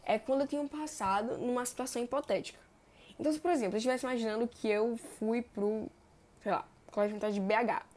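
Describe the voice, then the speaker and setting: A young woman, teaching verb tenses in a chatty way and stretching example words slowly. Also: on the high side, a little mellow. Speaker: Portuguese grammar teacher. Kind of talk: explaining verb tenses on a board.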